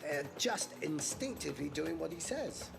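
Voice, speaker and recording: Documentary narration, gravelly voice, lively intonation, loud music behind. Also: male voice, a little high, measured pace, full character voice. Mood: wry.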